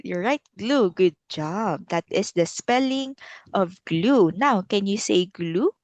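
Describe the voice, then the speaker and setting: A woman's voice: mid-range voice, animated, takes it slowly, darkish tone, no echo, lo-fi sound. A woman teaching simple words to a young child as if talking to a toddler, repeating short phrases encouragingly and often laughing. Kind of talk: slow, simple children's lesson with repetition.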